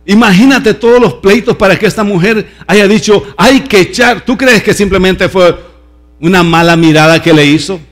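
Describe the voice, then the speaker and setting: A man preaching a sermon as pastor, emphatic and lively, acting out voices from the story. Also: sits high, moderate pace.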